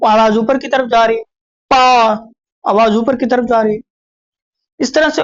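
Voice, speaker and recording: Higher-voiced woman teaching shorthand. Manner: explains slowly, repeating phrases, many fillers. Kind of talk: recorded lecture. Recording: dull lo-fi recording.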